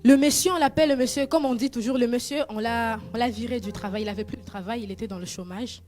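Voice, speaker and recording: A woman telling a true story as a moral lesson, animated and full of rhetorical questions. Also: a little high, quick pace, faint music behind.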